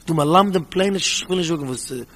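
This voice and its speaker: High-voiced man giving a rabbinic lecture. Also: fairly quick. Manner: animated, rhetorical questions, reads and explains source text. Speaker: rabbi teaching Talmud. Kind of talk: Talmud study lecture. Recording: long hall reverb.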